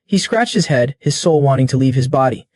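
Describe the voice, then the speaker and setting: A man giving a scripted narration of a comic story recap in a steady, even storytelling manner. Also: mid-range voice, brisk, no room sound, clean studio sound.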